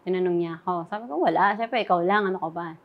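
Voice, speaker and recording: Soft-spoken young woman recounting events. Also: fairly low pitch, fast talker, phone-quality sound. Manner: soft, recounting quoted dialogue. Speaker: interview guest. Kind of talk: emotional personal interview.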